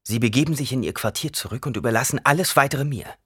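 A man's voice: mid-range voice, fast, slightly rough, no echo, clean studio sound, pitched above the performer's own voice. A man voicing an imperious noblewoman. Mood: commanding. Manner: sharp and imperious. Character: commanding noblewoman, proud and cold. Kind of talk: audiobook reading.

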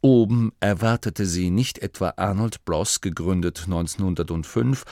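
A man narrating an audiobook in calm, scripted storytelling. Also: on the low side, dry recording, clean studio sound.

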